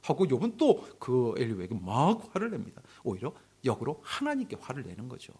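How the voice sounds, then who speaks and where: Husky, lively Korean pastor preaching. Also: male voice, medium pitch, fairly quick. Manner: animated, acts out quarrels in quoted voices; drops to near-whispers for emphasis. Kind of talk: sermon. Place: church hall.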